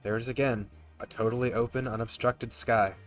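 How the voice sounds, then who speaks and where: A man's voice: medium pitch, fairly even intonation, brisk. A man streaming a game, reading its text aloud and commenting casually with joking asides. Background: game music.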